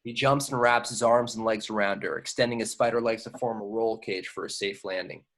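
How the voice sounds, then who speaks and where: Reading the action lines at an amateur table read, this man has a fairly low, fairly bright voice, brisk delivery and fairly even intonation. Now and then he trips over words and repeats them.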